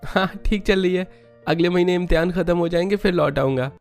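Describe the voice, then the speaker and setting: A man's voice: high voice, brisk, creaky, soft background music, voice pushed up. Man voicing an earnest young student. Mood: calm. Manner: earnest, pleading. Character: anxious young male student, troubled son. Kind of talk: cartoon story voice acting.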